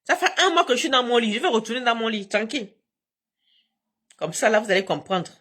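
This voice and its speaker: A woman's voice: a little high, expressive, brisk, a bit bright. A woman hosting a casual live stream from home on her phone, talking in a combative, emphatic way with frequent laughs.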